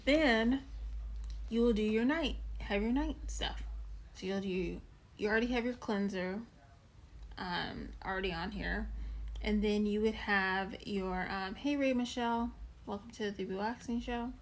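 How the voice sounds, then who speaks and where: Chewing candy, a young woman who works as a waxing specialist livestreams casually, walking viewers through a skincare tracker and calling out their names. She rambles in a loose flow, dropping lots of ums and likes. Her mid-range voice moves at a measured pace.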